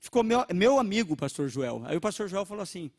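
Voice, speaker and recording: A man's voice: high-pitched, fast talker. A middle-aged man from Brazil, a pastor telling a testimony in a sermon, acting out the dialogue as he goes. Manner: animated storytelling, acting out dialogue.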